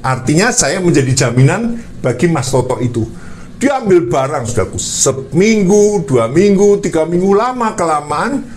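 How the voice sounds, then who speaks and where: A man preacher telling a personal story in a lively sermon, addressing the listeners as brothers. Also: on the high side, slight background noise.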